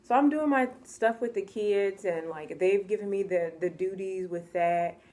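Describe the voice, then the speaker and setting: A woman's voice: medium pitch, unhurried, a little mellow. A woman telling a casual storytime, chatty and full of "like" fillers. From United States. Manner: chatty, full of "like" fillers, acts out quoted voices. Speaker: vlogger.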